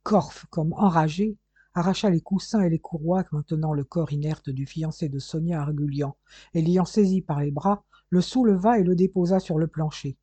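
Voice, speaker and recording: An audiobook narrator giving a measured, expressive reading of a novel chapter. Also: medium pitch, husky, no echo. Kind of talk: scripted narration. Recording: dull, dry lo-fi recording.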